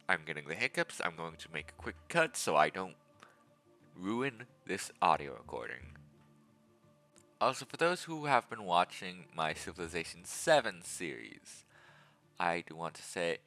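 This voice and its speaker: Chatty low-voiced man with bright tone. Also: very animated, moderate pace, soft background music. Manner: chatty, rambling, self-aware asides. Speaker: gaming video host. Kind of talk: casual gameplay commentary.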